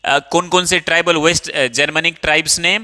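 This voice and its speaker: A man's voice: fairly high pitch, fairly even intonation, fairly quick, sharp tone. Indian male teacher in a reverberant room. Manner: calls students "babu", asks and answers his own questions. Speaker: English teacher. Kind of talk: explaining a textbook chapter in Hindi with English phrases.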